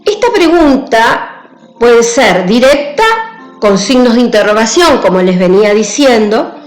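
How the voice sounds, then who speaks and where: A woman's voice: fairly high pitch, expressive, a little slow, echoey room, soft background music, rough recording. A woman teacher giving a grammar lesson, patient and careful, often checking in with her students. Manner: patient, repeats key points with "¿sí?".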